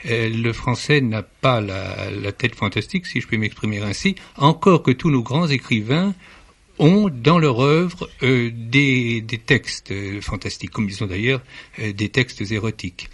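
A man's voice: medium pitch, measured pace. A man speaking as a literary critic guest in a radio studio discussion, formal and hesitant, with many fillers and restarts. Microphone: studio microphone.

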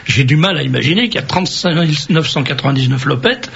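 A man's voice: on the high side, expressive, fast talker, vocal fry, a bit bright, breathy edge. A man hosting a radio interview, blunt and opinionated, pushing the guest with provocative remarks. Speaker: radio host. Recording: dull lo-fi radio recording with faint noise.

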